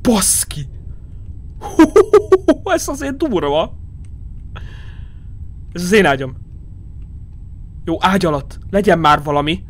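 A man in his thirties commentating a horror game for his chat, jumpy, swearing and shouting when scared, muttering quietly to calm himself. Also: sits high, pauses often, slight background noise. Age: 30s. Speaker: streamer.

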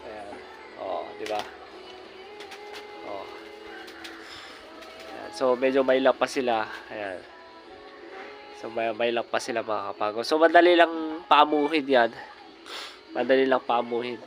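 A man talks casually to his viewers in a yard, stuffy from a cold and filling his sentences with the same little words again and again. His voice sits at an ordinary middle pitch. It is recorded on a phone outdoors with music playing underneath. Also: measured pace, long pauses, low-quality recording. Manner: chatty, repeats filler words often, addresses viewers directly. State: has a cold. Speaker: vlogger showing his bird cage. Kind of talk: casual vlog walkthrough. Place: outdoors in a yard beside a large bird cage.

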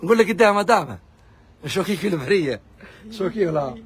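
A man with an Algerian accent, pitching fabric discounts in a pushy live sales video. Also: lively intonation. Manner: rapid, pushy hawking to viewers. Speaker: fabric shop seller.

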